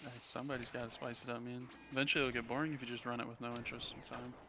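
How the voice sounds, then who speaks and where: A man's voice: medium pitch, level tone, racing, creaky, background noise. A man chatting casually over voice chat while gaming, teasing his friend and swearing often.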